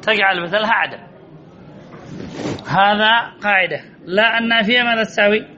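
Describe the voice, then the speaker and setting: High bright-voiced male grammar teacher. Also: moderate pace, dull audio, a faint crowd, a little hiss or hum. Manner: drills by repeating answers, quizzes students. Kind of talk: classroom lesson with questions to students.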